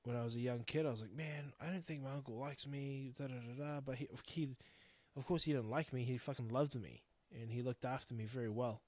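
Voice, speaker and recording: Blunt, frank and liberal with the swearing, a thirty-something New Zealander rambles through his solo podcast. He talks a little fast in a steady, slightly mellow mid-range voice, recorded with no room sound.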